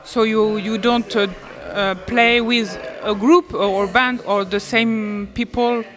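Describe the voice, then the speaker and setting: Woman interviewer, slightly high voice, halting and simple phrasing. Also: fairly even intonation, a bit bright, faint music behind. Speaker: interviewer, language student. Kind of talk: interviewing for community radio.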